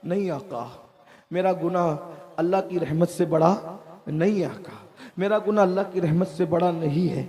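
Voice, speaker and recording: A man's voice: high-pitched, moderate pace, mellow, natural voice. A man voicing a remorseful young grave robber who pleads and confesses through tears. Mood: confessing.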